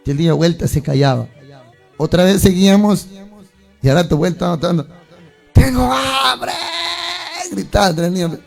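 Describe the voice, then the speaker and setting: Guy preaching, high pitched and kinda gravelly, acts out voices while telling stories. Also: fairly quick, soft background music. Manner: animated storytelling, acting out voices of churchgoers. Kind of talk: sermon.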